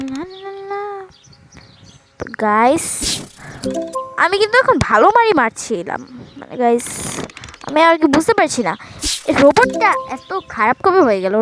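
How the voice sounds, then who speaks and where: Chatty high-voiced woman gamer, hushed. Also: background noise. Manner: talks quietly so as not to wake her sleeping parents; chatty, keeps addressing viewers. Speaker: gaming channel host. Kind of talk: chatty voice-over commentary on a mobile game. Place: room at home at night. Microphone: earphone mic. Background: game music.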